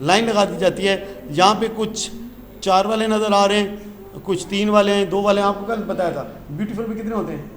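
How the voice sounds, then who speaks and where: A man's voice: sits high, fairly even intonation, fairly quick, roomy sound. A man teaching English grammar, switching between English phrases and explanations and answering his own questions.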